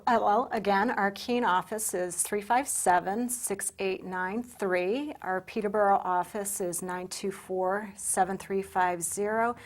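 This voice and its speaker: A woman, answering interview questions about volunteering with many pauses and restarts. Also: mid-range voice, steady tone. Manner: hesitant, many ums and restarts. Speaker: volunteer center guest.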